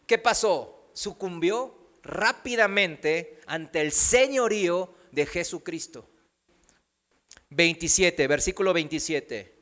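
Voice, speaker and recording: High, slow, bright-voiced preaching man. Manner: preaches slowly with emphatic pauses and rhetorical questions. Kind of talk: sermon. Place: church.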